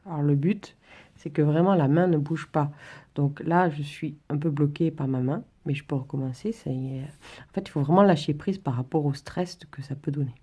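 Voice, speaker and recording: In this informal drawing and relaxation lesson, the woman instructor demonstrates while talking, her delivery hesitant and stop-and-start. Her voice sits low with a dark tone and a breathy edge, at a normal speed.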